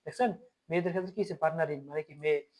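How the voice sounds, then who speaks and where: A man's voice: a little high, fairly even intonation, rapid-fire, a little mellow. A man teaching German vocabulary in a Bengali lesson. He has a Bangladeshi accent, asks questions, answers them himself and often checks that students are following.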